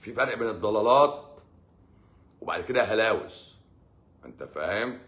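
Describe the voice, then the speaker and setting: Sarcastic egyptian man, deep bright voice. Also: lively intonation, normal speed. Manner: sarcastic, joking, acts out patients' lines. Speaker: doctor hosting a live stream answering comments. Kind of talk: casual live Q&A.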